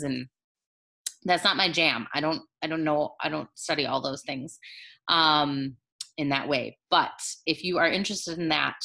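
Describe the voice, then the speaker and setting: A woman's voice: sits low, vocal fry, fairly bright tone. A woman teacher talking casually through a recorded video lesson, rambling a little with fillers and restarts. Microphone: handheld recording device, jostled.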